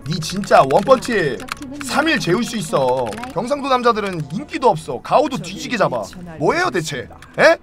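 A young man streaming a game from home, chatting casually and yelling and swearing at the game. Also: high-pitched, big pitch swings, normal speed, over music. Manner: hot-tempered, yells and swears at the game.

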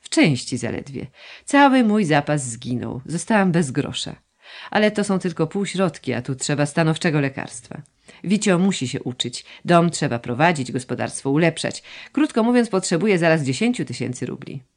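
A woman reading the lines of a fussy noble mother who gushes, complains and coaxes her son for money, with a lively, sing-song delivery. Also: low voice, moderate pace, exaggerated voice. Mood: plaintive. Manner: gushing, complaining, coaxing. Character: fussy aristocratic mother, middle-aged woman, plaintive. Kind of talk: audiobook dialogue reading.

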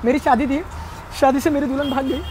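A man's voice: extremely high pitch, steady tone, fast, darkish tone. A man hosting a street prank, pleading and pushy, repeating himself as he talks. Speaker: prankster host. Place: busy street outdoors. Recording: noisy street with traffic.

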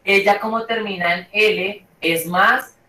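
Slow-talking teacher in an echoey room. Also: medium pitch, steady tone, sharp tone, recorded from a distance. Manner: repeats and checks with "¿cierto?" and "¿listo?". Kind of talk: online class.

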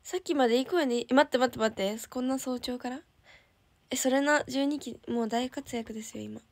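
A woman's voice: high-pitched, fairly quick. Bubbly young woman idol chatting. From Japan. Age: young adult. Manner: chatty and bubbly, often dropping to a soft whisper. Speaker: idol livestreamer. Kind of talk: casual livestream chat, reading viewer comments.

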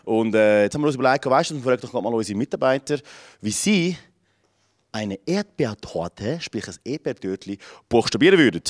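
A man's voice: medium pitch, lively intonation, a little fast, no room sound, studio quality. A young man with a Swiss German accent, playfully presenting as a roving reporter with a handheld microphone in an office. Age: young adult. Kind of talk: playful vox pop presenting. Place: open-plan office.

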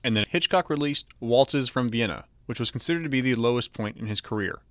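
Young male student reading project narration, mid pitch, plain and dry. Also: a little fast, fairly bright tone, no echo. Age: young adult. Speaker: student presenter. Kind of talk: read narration for a class project.

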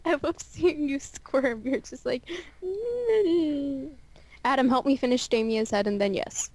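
High-voiced teasing woman. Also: measured pace, darkish tone. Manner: teasing, coaxing, giggly. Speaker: friend in a gaming session. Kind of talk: casual gameplay chat.

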